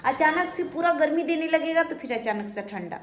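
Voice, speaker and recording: A woman's voice: high voice, lively intonation, normal speed, echoey room. A young woman chatting casually to her viewers in a rambling family vlog at home. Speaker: family vlogger.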